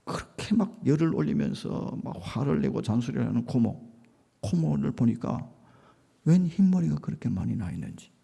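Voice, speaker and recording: A man's voice: on the high side, vocal fry, warm tone, husky. A man preaching a sermon as a pastor, telling a story with rising emphasis and acted-out quotes.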